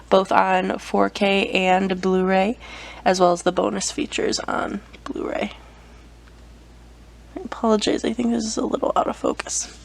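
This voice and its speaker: A young adult woman with a cold shows off her anime collection in a casual show-and-tell vlog. Her medium-pitched voice is gravelly, and she's relaxed and chatty, with frequent ums and self-corrections.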